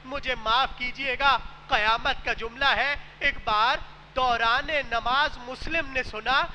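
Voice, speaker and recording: A man preaching a mourning sermon, telling a sad story softly and then rising into loud, wailing cries. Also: extremely high pitch, steady tone. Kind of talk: majlis sermon, recited with rising lament. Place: large mosque hall. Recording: echoey hall with faint noise.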